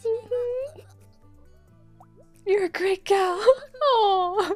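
A young woman hosting an anime reaction, gushing with excitable, giggly comments and gasps. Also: very high voice, drawn-out words, faint music behind.

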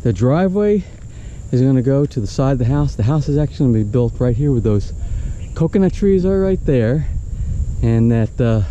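A man's voice: mid-range voice, expressive, moderate pace, warm tone, lo-fi sound, slight background noise. An older man walking and talking to a handheld camera outdoors, rambling casually and pointing things out, with many restarts. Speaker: vlogger. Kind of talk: casual walk-and-talk vlog. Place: outdoors on a tropical roadside lot. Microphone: action camera held at arm's length.

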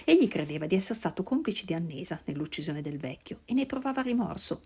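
A woman reading a literary novel aloud in a measured, solemn way. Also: fairly low pitch, sing-song, dark tone, husky. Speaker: reader.

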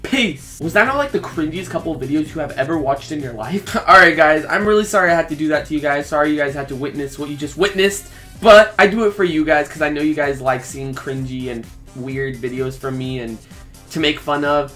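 Young male vlogger, a little high-pitched, candid and self-mocking, faint music under him. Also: brisk, sharp tone. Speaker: YouTuber. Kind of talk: casual reaction vlog.

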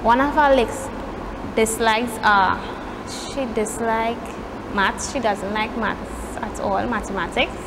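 A young Trinidadian woman with a fairly high voice speaks as a pageant contestant. She gives poised, measured, rehearsed-sounding interview answers, with clear background noise behind her. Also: fairly even intonation. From Trinidad and Tobago. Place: indoor studio set with pageant backdrop.

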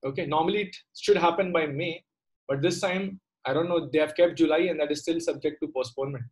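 A middle-aged male maths teacher with a South Indian accent gives an online lesson from an indoor room on a computer. His moderately high voice moves a little fast as he explains things step by step in a conversational way, often repeating a phrase and pausing to ask his students short questions. The recording is rough.

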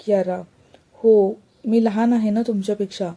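An eager, playful younger brother from a storybook, read by a woman in her own voice. The tone sits very dark and mellow, with a husky breath in it. He talks earnestly and slips English words in. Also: medium pitch, steady tone, moderate pace, lightly acted. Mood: friendly. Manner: eager, mixes English into his talk. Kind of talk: storybook reading.

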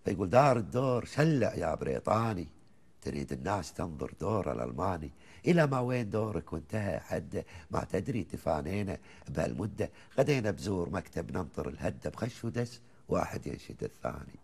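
A man with a Kuwaiti accent, a guest on a TV talk show, reciting colloquial poems in a lively, rhythmic way between bits of chat. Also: sits low, a little fast, creaky, slightly rough. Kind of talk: reciting colloquial poetry in conversation.

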